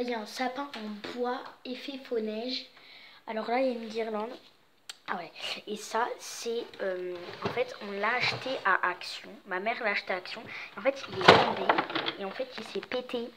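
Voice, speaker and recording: A woman's voice: a little high, fairly even intonation, moderate pace, background noise. A young woman giving a casual, rambling tour of her home's Christmas decorations, with many fillers. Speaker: vlogger. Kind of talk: casual home tour vlog.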